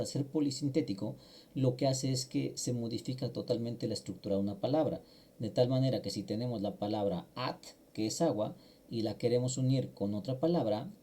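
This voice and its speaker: A man's voice: mid-range voice, warm tone. A middle-aged man, patiently explaining a language lesson step by step, with small fillers as he goes. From Mexico. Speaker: language teacher. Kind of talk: online grammar lesson.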